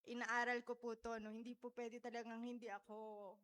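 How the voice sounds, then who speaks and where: A woman's voice: a little high, little pitch movement, moderate pace, a bit bright. A woman, sharing a heartfelt message at a church service and often checking in with her listeners. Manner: heartfelt, tag-questioning, tearful in places. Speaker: church speaker.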